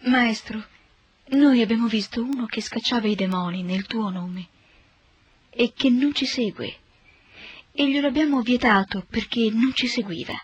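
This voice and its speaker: A woman's voice: fairly high pitch, normal speed, breathy edge, dull audio. A woman reading the lines of a disciple speaking earnestly to his teacher in a scripted Bible reading.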